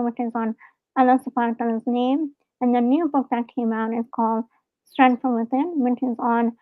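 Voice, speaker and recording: An author from Hong Kong joins a live call as an interview guest, speaking in an earnest, reflective way. Her voice is a little high, and the call audio is dry and phone-like, with no room sound.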